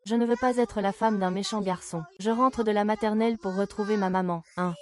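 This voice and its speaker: A woman's voice: mid-range voice, steady tone, a little fast, natural voice. A woman dubbing dialogue for a family drama with an emotional delivery. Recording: loud crowd noise behind.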